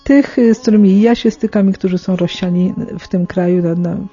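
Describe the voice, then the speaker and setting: A middle-aged woman speaking unscripted in a radio interview, explaining in a halting way and often correcting herself. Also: medium pitch, steady tone, dark tone, slightly rough, muffled recording, faint music behind. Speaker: interviewed aid worker among lepers in India.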